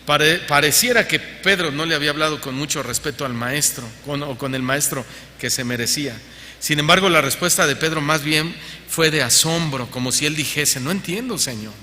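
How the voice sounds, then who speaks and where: A Mexican man preaching in a church hall, his high, strikingly bright voice ringing out with a long reverb. Faint noise hums behind him as he questions the congregation and mimics others in exaggerated tones. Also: normal speed. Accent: Mexican Spanish. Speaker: pastor. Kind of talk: sermon.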